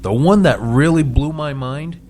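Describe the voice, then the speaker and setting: A man's voice: on the high side, a little slow, darkish tone, a little hiss or hum. A man hosting a casual local radio talk show, chatting with frequent stumbling restarts and chuckles.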